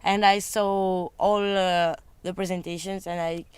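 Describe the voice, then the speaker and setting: Young woman from Italy, slow and hesitant, very clear voice. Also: on the low side, little pitch movement, no echo. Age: young adult. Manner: hesitant, many "uh" fillers. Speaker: youth exchange participant.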